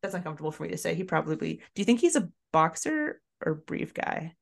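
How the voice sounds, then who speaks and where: Young female podcast co-host, low gravelly voice, giggly and loose. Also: very animated, fast. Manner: giggly, filler-heavy, laughs often. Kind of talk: casual book-club chat and reading aloud.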